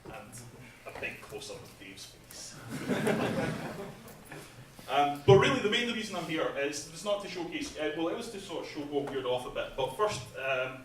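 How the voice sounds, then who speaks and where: At an industry event, a game developer gives a casual, chatty conference talk about his game, laughing at his own jokes and filling pauses with ums. His voice is fairly high and sing-song. The hall is echoey, he stands far from the mic, and there's faint noise.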